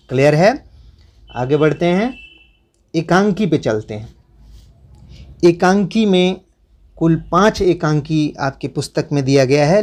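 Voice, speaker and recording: A male teacher with a slightly high voice walks students through a school syllabus. He talks to them directly and repeats each instruction patiently, step by step. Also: darkish tone. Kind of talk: syllabus walkthrough lesson.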